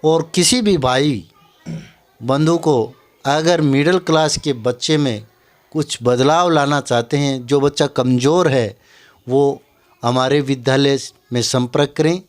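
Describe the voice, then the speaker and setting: A man presenting his school's testing system, speaking slowly and formally and mixing in English words. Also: medium pitch. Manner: measured and slow, mixes English words into formal speech. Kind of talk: slow formal talk to camera.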